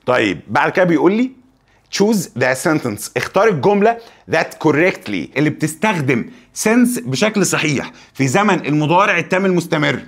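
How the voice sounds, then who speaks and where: A young man with an Egyptian Arabic accent teaching an exam review lesson. He reads the English examples slowly and teases the students with joking asides. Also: a little high, vocal fry.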